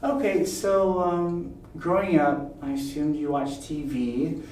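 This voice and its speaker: Interview host, mellow voice, relaxed and encouraging, roomy distant sound. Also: medium pitch, slow pace, slight background noise. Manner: relaxed, encouraging, asks questions with many "mm-hmm" replies. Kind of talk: casual interview. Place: outdoors on a windy day.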